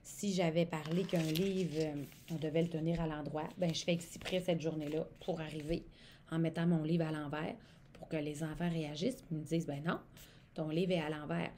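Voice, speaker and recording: A woman's voice: deep voice, fairly even intonation, a little fast, mellow, slight background noise. A woman, an educational support worker giving a demonstration lesson on reading aloud to young children, stretching words as if speaking to them.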